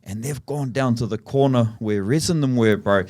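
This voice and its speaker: A man's voice: medium pitch, normal speed, darkish tone. A man with a broad New Zealand accent telling a casual anecdote in slangy, matey talk among friends. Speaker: podcast host and storyteller. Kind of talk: casual chat, yarning anecdote.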